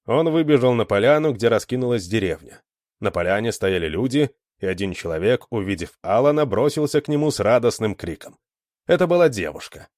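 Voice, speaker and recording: A man reads a story aloud with expressive, animated narration. His low voice moves widely in pitch. The recording is dry and close, with little room sound. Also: a little fast, no echo.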